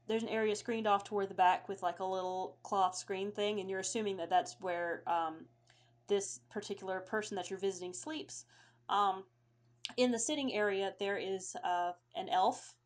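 A woman's voice: medium pitch, fairly even intonation, normal speed. A woman narrating a tabletop game as game master, casual with many fillers.

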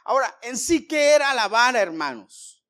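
With a very high voice, big pitch swings, a moderate pace, and a fairly bright tone, a middle-aged man preaches to his congregation. He tells joke-filled stories and calls them brothers.

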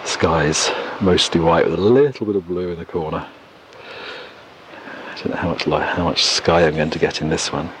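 A deep-voiced man, steady in tone and speaking at a normal speed, hosts a casual solo podcast while walking outdoors beside an oak tree in the countryside. He muses unhurriedly, thinking aloud, captured on a portable cassette recorder with background noise and clicks.

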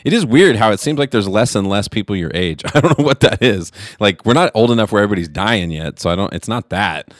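A man's voice: fairly low pitch, expressive, quick pace, hardly any pauses, no room sound, clean studio sound. A man in his forties chatting casually as a podcast co-host, laid-back, laughing often and swearing freely. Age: 40s. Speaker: middle school teacher.

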